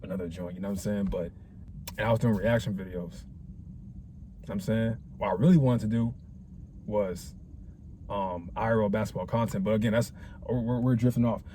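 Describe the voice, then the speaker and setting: A vlogger in his twenties talks casually to the camera, rambling and reflecting with plenty of slang and filler words. His voice is on the low side and mellow, with a steady tone, a fairly quick pace and frequent pauses. There's a little hiss or hum in the recording.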